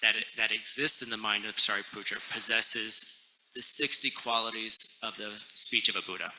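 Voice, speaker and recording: A man teaching a class in a relaxed, joking way, correcting himself as he explains a text. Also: lowish voice, moderate pace, low-quality recording.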